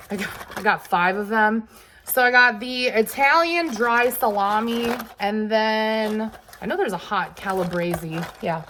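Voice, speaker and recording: A vlogger with a Southern US accent shows off her grocery haul in casual chat, her voice on the high side and a bit bright, with slight background noise. Hot, sweaty and sniffly from allergies, she rambles chattily with loose fillers and asides.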